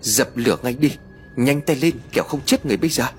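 A man's voice: mid-range voice, fast, lightly acted. Man playing a stern boastful exorcist master. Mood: alarmed. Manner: commanding, boastful. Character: stern arrogant male exorcist master, middle-aged.

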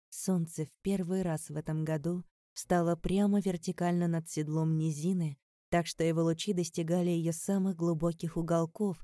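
A woman reading a first-person audiobook in a measured, calm, steady way. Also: low-pitched, no room sound. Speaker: audiobook narrator.

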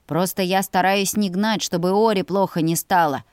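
A woman voicing a respectful male coach driver who speaks slowly and reassuringly. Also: on the low side, steady tone, darkish tone, dry recording, studio quality, lightly acted.

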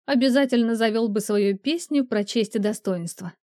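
A woman's voice: on the high side, moderate pace, mellow, dry recording, studio quality, lightly acted. A woman reading an audiobook, voicing a playful, teasing young woman who purrs her lines in a raised, coy voice. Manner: purring, coy. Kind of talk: audiobook character voice.

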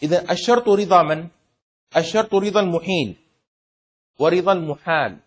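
A man's voice: sits high, brisk. A male sheikh teaching a class of students, often quizzing them and stretching key words for emphasis. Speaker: sheikh teaching Shafi'i law. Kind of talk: interactive classroom lesson.

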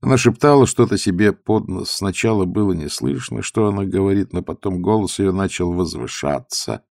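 Gravelly male audiobook narrator. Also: sits low, moderate pace, darkish tone, no echo, studio quality.

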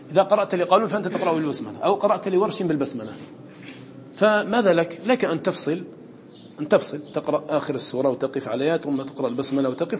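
A man teaching a Quran recitation class, asking his students questions and answering them himself. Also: fairly high pitch. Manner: quotes lines of verse in a raised voice. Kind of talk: classroom lesson explaining a verse text. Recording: faint background noise.

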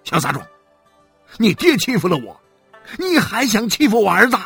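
An audiobook reader playing an angry, humiliated husband who scolds harshly over soft music. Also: medium pitch, wildly swooping pitch, unhurried, slightly rough, voice pushed up, full character voice. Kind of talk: audiobook character voice.

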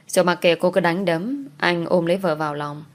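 A woman reading a romance story aloud as its narrator, in a steady, even storytelling delivery. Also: fairly low pitch, fairly quick. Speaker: audiobook narrator.

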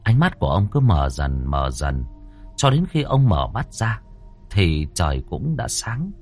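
A man narrating a ghost story audiobook in a measured, dramatic storytelling manner. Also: deep voice, very animated, a little mellow, soft background music.

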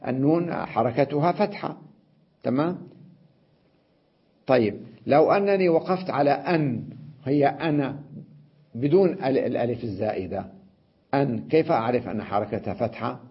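A man teaching an Arabic grammar lesson, explaining step by step, checking with his students and slowly repeating example words. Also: fairly high pitch, husky. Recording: dull lo-fi lecture recording.

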